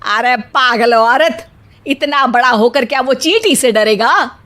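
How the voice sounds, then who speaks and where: Woman acting a bossy, high-pitched mother-in-law. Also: expressive, slow, fairly bright tone. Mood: bossy, mocking. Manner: scolding, sarcastic, exclamatory. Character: bossy, sarcastic, easily frightened middle-aged Indian mother-in-law. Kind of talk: cartoon voice acting.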